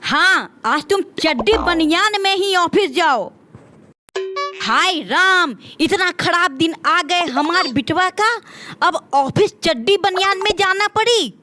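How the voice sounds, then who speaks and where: A woman's voice: very high voice, animated, slow pace, full character voice. A woman voicing a bossy, scolding older mother-in-law in a cartoon, talking in a taunting, rustic way. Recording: cartoon dub with loud music behind.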